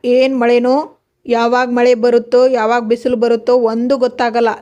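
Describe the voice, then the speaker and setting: A woman voicing a caring, motherly older woman who coaxes and soothes, in a high, flat voice. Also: moderate pace, highs cut off, close to an everyday voice. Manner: soothing, coaxing, repeats questions.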